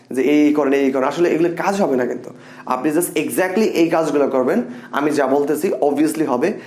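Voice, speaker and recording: Young male tutor, expressive and upbeat, slightly high voice, echoey room. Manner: animated and expressive, repeats example sentences. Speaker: English teacher. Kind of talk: casual spoken lesson.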